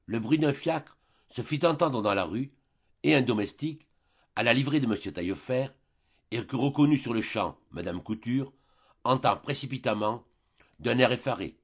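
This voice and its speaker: Male audiobook reader, husky, dull lo-fi recording, measured storytelling. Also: medium pitch, lively intonation. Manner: measured storytelling, lifts his voice for dialogue. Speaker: audiobook narrator. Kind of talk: scripted narration of a classic novel.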